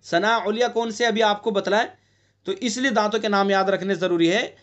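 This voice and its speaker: A male recitation teacher giving an online lesson, explaining patiently and breaking into long drawn-out chanted recitation. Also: sits high, a bit bright, highs cut off. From India.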